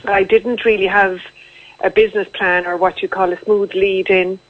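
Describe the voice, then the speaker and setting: A woman's voice: mid-range voice, little pitch movement, moderate pace, no room sound. A woman speaks with a west of Ireland accent over a thin, phone-like line. She is an interview guest recounting things in a conversational, matter-of-fact way, in a mid-range voice with little room sound. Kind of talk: radio interview, recounting own story. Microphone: telephone. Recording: tinny narrow-band phone line.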